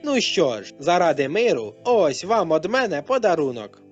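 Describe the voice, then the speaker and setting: Guy putting on a high-pitched cheerful teen boy, sporty and chatty, upbeat storybook voice, quiet guitar under it. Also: big pitch swings, moderate pace, dull audio. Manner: loud, upbeat, exclamatory.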